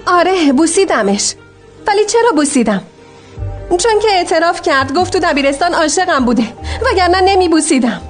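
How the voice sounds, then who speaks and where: A lovesick, frustrated young woman complains in a very high voice. Soft music plays under this drama dub. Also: animated. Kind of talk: dubbed drama dialogue.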